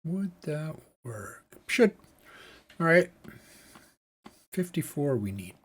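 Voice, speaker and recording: Slow, husky-voiced gameplay commentator. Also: mid-range voice, big pitch swings. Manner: musing aloud, thinking through tasks step by step. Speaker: Minecraft let's-play host.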